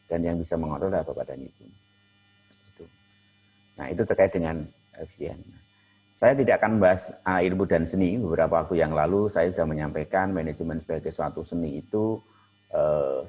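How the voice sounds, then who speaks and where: A man lecturing adult learners, with frequent pauses and fillers. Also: low-pitched, darkish tone, slightly rough, rough recording. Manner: addresses audience as Bapak dan Ibu, many fillers. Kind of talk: lecture on cooperative management.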